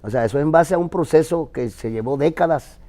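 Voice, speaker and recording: A man's voice: a little high, fairly quick, dark tone. A Dominican man on a panel, earnestly jumping in to make his point. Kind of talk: panel discussion.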